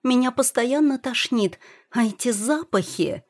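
Brief: woman reading a fragile young princess, high and plaintive, near tears. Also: lively intonation, moderate pace, a little mellow. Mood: tearful. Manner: plaintive, sobbing. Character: young pregnant princess, timid and tearful. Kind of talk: audiobook character voice.

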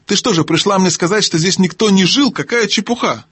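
A man voicing an old, deaf, cantankerous male dwarf lord in an audiobook, with loud grumbling speech and a husky voice. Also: high voice, a little fast, dry recording, pitched above the performer's own voice. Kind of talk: audiobook character voice.

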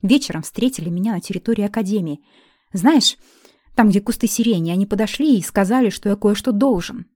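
A woman's voice: mid-range voice, a little fast, dark tone, dry recording, studio quality, natural voice. A woman voicing a panicky, hysterical adult male elf teacher who keeps pleading and breaking into nervous outbursts in a storybook reading. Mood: agitated.

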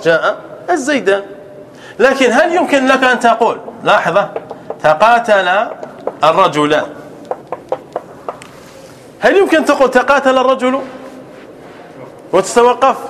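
A man's voice: extremely high pitch, background noise. A male scholar teaching a classroom grammar lesson, repeating example sentences and quizzing his listeners as he explains.

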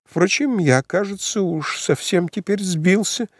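A man's voice: high-pitched, measured pace, no echo, clean studio sound, pitched above the performer's own voice. A man reading an audiobook, voicing a muddled elderly prince who talks in a hesitant, vague, confused way. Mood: bewildered.

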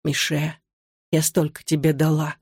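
Brief: reader doing a soft, hoarse female ghost, pleading and reproachful, storybook reading, dry close sound. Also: medium pitch, normal speed, no echo, close to an everyday voice. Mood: tender. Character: anguished ghost of an older sister, bleeding and desperate. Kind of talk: audiobook reading.

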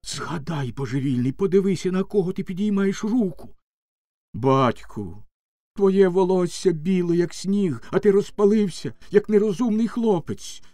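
A man's voice: high voice, animated, a little fast, vocal fry, few pauses, warm tone, no echo, studio quality, voice pushed up, full character voice. A man voicing a desperate young Cossack wife who pleads through tearful outcries. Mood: pleading.

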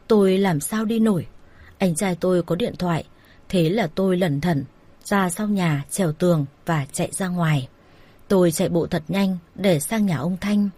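A woman narrating a first-person romance story in a plain, steady voice. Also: on the low side, husky. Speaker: story reader.

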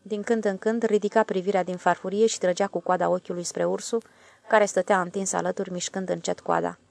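A woman narrating a literary audiobook in an even, measured reading. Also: mid-range voice, creaky.

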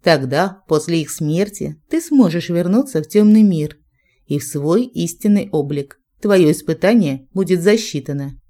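A woman's voice: fairly low pitch, lively intonation, moderate pace, warm tone, natural voice. A woman voicing a solemn golden-haired angel who pronounces a formal verdict in an audiobook.

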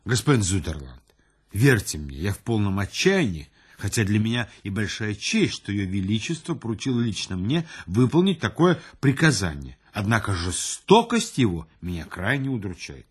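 A man's voice: fairly low pitch, sing-song, moderate pace, slightly rough, voice pushed down. A man voicing a sorrowful police chief who breaks grim news solemnly in an audiobook. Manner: solemn, sighing. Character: mournful male police chief, grimly sympathetic.

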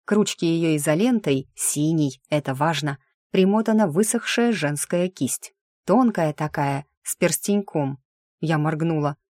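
A woman's voice: low voice, lively intonation, unhurried, a little mellow, no echo. A woman reading a first-person audiobook in a wry, sardonic inner-monologue manner, close to the mic. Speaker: audiobook narrator.

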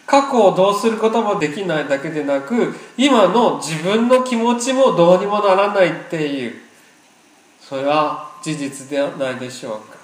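A man's voice: high-pitched, expressive, moderate pace. A man preaching a sermon as pastor, earnest and emphatic, repeating phrases for weight. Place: church hall. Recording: roomy echo.

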